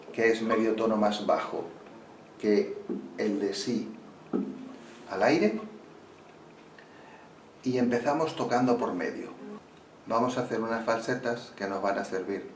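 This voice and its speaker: A man with a fairly low voice talks through a flamenco guitar lesson in a calm, explanatory way. He sits back from the mic, so his voice sounds roomy and a little distant. Loud guitar playing rings out between his words. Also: unhurried, long pauses, a little hiss or hum.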